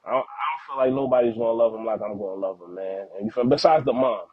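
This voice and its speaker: A mid-range, husky voice moves at a quick pace with no echo. The young man, a Haitian-background father living in the United States whose native language is Haitian Creole, is an earnest, slangy podcast guest in a casual, heartfelt interview, repeating words for emphasis, and the sound is dry and narrow-band like a phone.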